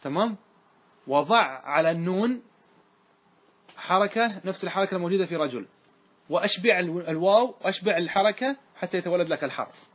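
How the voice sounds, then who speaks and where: A man teaching a grammar class, quizzing his students with quick questions. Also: sits high, expressive, fairly bright tone, slightly rough. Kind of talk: classroom lesson with drills.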